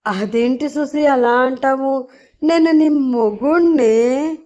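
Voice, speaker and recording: A woman's voice: a little high, measured pace, darkish tone, highs cut off, close to an everyday voice. A woman voicing a scared, henpecked husband who pleads in a tearful voice. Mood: timid, pleading.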